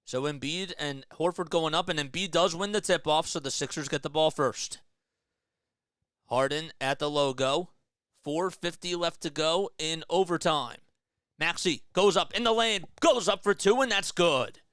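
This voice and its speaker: Excitable male fan calling a game. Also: fairly high pitch, normal speed, no echo, studio quality. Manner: excitable, yells at big plays, drops to a hushed mutter between plays. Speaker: fan play-by-play streamer. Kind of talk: live fan play-by-play commentary.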